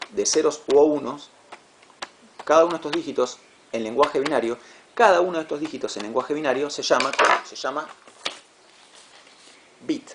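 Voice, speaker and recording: A man teaching a class, patient and repetitive, checking understanding with quick questions. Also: a little high, background noise. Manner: patient, repeats words, asks "¿sí?" to check. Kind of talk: classroom lecture.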